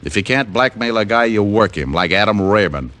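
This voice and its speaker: A hard-boiled detective narrator from old 1940s-50s radio drama: an actor gives the tough, wry American private eye a clipped, needling, accusing edge. The male voice is lowish, animated, brisk, and a bit bright, with music behind on the vintage radio recording.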